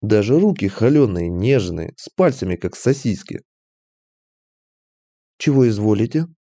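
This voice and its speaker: A man reading a fantasy audiobook aloud as first-person narration, in an animated, expressive manner. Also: fairly low pitch, normal speed, no room sound.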